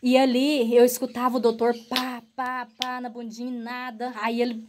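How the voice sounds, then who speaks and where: Woman vlogger, slightly higher voice, earnest personal storytelling that keeps turning to the viewers. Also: moderate pace, a little hiss or hum. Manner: earnest, emotional, often addresses viewers directly; relaxed, repetitive phrasing.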